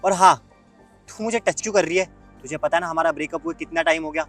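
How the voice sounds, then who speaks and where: A man's voice: fairly high pitch, quick pace, fairly bright tone, faint music behind, lightly acted. A young man playing an arrogant, boastful rich man who insults his ex-girlfriend in a web skit. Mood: taunting. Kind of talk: Hindi web skit acting.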